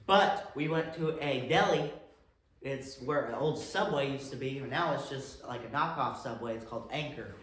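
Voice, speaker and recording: A man's voice: medium pitch, normal speed, a bit bright. Casual male co-host, rambling and unpolished, very roomy echo. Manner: rambling, restarts, searching for words. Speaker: podcast co-host. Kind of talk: casual podcast chat. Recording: very echoey room with faint noise.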